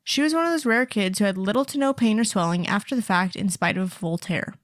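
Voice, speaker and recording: A woman's voice: medium pitch, quick pace, no echo. Woman co-host, casual and chatty, reads listener stories; dry, close mic. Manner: chatty, laughs often, many fillers. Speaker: podcast co-host.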